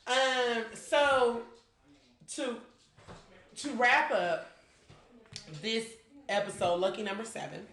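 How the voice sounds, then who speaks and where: A woman's voice: fairly high pitch, steady tone, slow pace, pauses often, fairly bright tone. Chatty woman podcast co-host in a roomy space. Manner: chatty, loose, drifts between thoughts. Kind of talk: casual chat.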